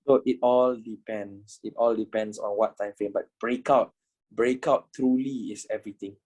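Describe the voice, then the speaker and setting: In his twenties, this trading instructor wraps up a casual online class, swearing, repeating himself, and asking "you know?" a lot. His voice is fairly low and darkish, with fairly even intonation and a moderate pace.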